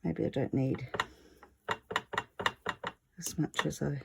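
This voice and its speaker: Wheezy, slow-talking woman demonstrating crafts. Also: low voice, steady tone, very noisy. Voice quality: wheezy, breathy voice. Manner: chatty, easygoing, self-deprecating. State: short of breath. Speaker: craft tutorial presenter. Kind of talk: casual hands-on art demonstration.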